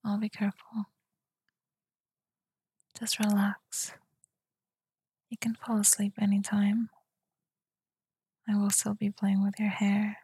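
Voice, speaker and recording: A woman whispering softly in a tender, soothing ASMR roleplay, speaking close to the mic. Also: medium pitch, completely flat delivery, dry recording. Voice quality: breathy whisper. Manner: soft, tender and soothing, slow murmurs. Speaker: girlfriend roleplayer.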